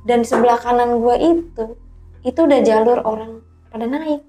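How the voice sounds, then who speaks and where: A woman recounting her own eerie hiking experience as a guest, in casual, animated storytelling that keeps quoting others in quick dialogue. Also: a little high, faint music behind.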